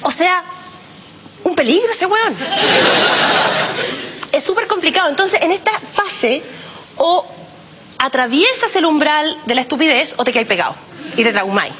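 Chilean woman comic, very high voice, slangy and self-mocking, muffled noisy live recording. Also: lively intonation, measured pace, pauses often. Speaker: stand-up comedian. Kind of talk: stand-up comedy routine.

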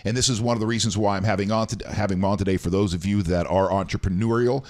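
A man's voice: lowish voice, fast. A middle-aged man from Florida hosting a radio interview in a small studio, chatting casually with lots of fillers. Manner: rambling, filler-heavy, lively questioning. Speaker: radio talk show host. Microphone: studio mic on boom arm, headphones.

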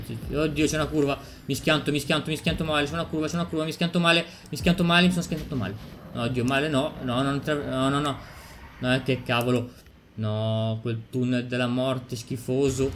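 Excitable man commentating a race. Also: mid-range voice, a little fast, a little hiss or hum. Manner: excitable, repeats phrases, swears. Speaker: gameplay streamer. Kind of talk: excited racing game commentary.

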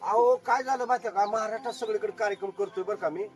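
Joking high-voiced magician man. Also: fast talker. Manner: joking showman who keeps calling for loud applause. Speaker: magician performing for a tour group. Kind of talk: lively stage patter with crowd banter. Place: outdoors at an agro-tourism farm.

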